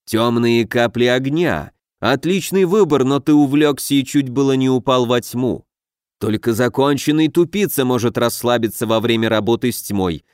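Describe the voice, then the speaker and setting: A man voicing a stern, cold male dark mage teacher in an audiobook, speaking slowly and in a cutting way, a little lower than his own voice. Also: clean tone, dry recording, studio quality, close to an everyday voice. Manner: cutting, slow and measured. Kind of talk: audiobook character voice.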